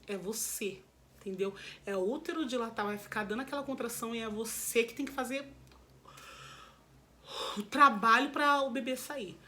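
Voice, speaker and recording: Brazilian lady vlogging, kinda high voice, talks to her viewers real open and emotional, keeps repeating herself. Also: moderate pace, pauses often, bright, forceful tone. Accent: Brazilian Portuguese. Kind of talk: personal storytelling to viewers.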